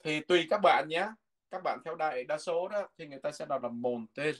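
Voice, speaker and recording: A man teaching a language lesson from a textbook, patiently repeating words slowly so learners can follow. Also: on the high side, a little hiss or hum.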